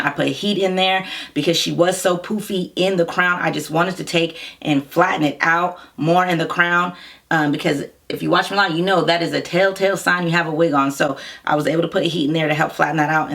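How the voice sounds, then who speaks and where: Hoarse, creaky low-voiced woman reviewer. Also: fairly even intonation, fairly quick, a bit bright. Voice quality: hoarse, froggy. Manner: chatty, informal, direct address. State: hoarse from getting over being sick. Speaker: wig reviewer, hair care company founder. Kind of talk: casual product review to viewers.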